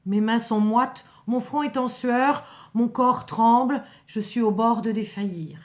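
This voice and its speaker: A woman's voice: fairly high pitch, measured pace, darkish tone. A woman reads a first-person literary story as a dramatic narrator, in a solemn, earnest manner.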